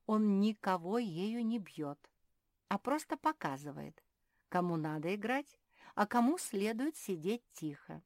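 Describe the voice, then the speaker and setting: A woman's voice: mid-range voice, lively intonation, a little slow, darkish tone, no echo, clean studio sound, pitched above the performer's own voice. A woman voicing a wise, patient female owl who explains and sighs, in a storybook reading.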